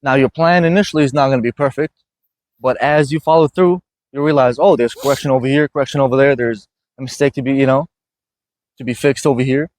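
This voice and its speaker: A man's voice: medium pitch, steady tone, fast talker, darkish tone, no echo. Earnest man, motivational podcast host. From Iraq. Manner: earnest, repeats "you know what I mean". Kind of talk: casual motivational conversation. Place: gym.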